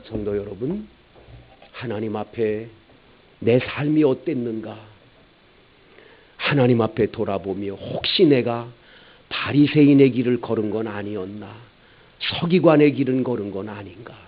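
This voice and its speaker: Fervent Korean pastor preaching, lo-fi sound. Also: male voice, lowish voice, a little slow, long pauses. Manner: animated storytelling, acting out quarrels in raised voice. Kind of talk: sermon. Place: church sanctuary.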